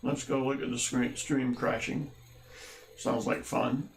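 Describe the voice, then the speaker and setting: A man hosts a casual livestream, calling out viewers one by one and tossing in wry jokes between rambling asides. He talks at a slow, unhurried pace in a mid-range voice, with a faint hum of room noise behind him. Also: mid-range voice, steady tone, reverberant. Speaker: livestream host.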